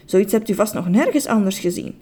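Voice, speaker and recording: A fussy male tailor in a storybook, all flattering sales talk, his voice lifting high and swooping with pride, as a woman puts him on. The tone stays mellow and soft at the edges. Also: fairly quick, breathy edge. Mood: proud. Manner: flattering sales patter, raised pitch.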